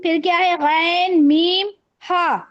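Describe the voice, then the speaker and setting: High-voiced woman teaching an online class. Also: steady tone, highs cut off. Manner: patient, questioning, repeats terms slowly. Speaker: online Arabic grammar teacher. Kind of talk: online class lesson, quizzing students. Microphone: video call microphone.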